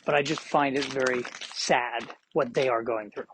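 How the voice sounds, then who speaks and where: A man's voice: medium pitch, fairly even intonation, normal speed, noisy background. A man in his forties hosting a solo podcast, chatting casually in a rambling, self-deprecating way. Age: 40s. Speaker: podcast host.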